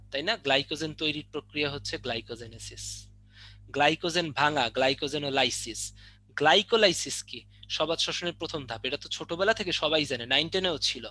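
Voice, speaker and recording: A man's voice: on the high side, bright, forceful tone. A young man teaching a biology exam-prep lesson online, drilling questions and teasing students with mock threats. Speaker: biology tutor.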